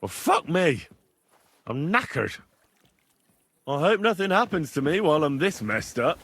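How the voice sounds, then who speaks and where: An actor playing a rough, cheeky young medieval adventurer who speaks coarsely in a video game. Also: male voice, fairly high pitch, big pitch swings, unhurried, a bit bright, no room sound, full character voice. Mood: drunken. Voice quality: colloquial, coarse speech. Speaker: game protagonist.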